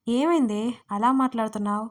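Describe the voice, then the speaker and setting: A woman's voice: on the high side, brisk, close to an everyday voice. A woman voicing a young female friend who is tearful, pleading and easily teased.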